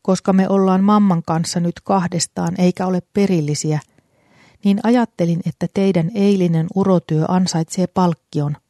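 A reader voicing an old grieving man who speaks softly but firmly in an audiobook. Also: medium pitch, steady tone, dry recording, clean studio sound, natural voice. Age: older. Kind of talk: audiobook character voice.

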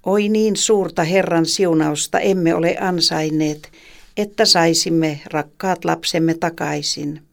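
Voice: mid-range voice, fairly even intonation, vocal fry, close to an everyday voice. A reader voicing a grieving, weary father in a folk tale, solemn and devout. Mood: sorrowful.

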